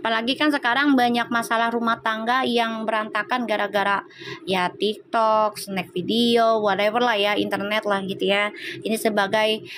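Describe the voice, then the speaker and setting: A middle-aged woman, telling family stories in a casual live-stream chat as a tarot reader, animated and quick to laugh. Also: medium pitch, noisy background. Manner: chatty, animated storytelling with frequent laughter.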